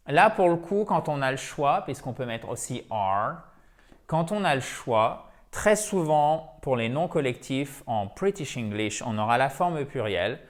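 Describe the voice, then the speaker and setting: French-speaking male English teacher, patient, repetitive explainer, self-correcting. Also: mid-range voice. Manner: explanatory, repeats himself, corrects himself. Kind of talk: grammar lesson.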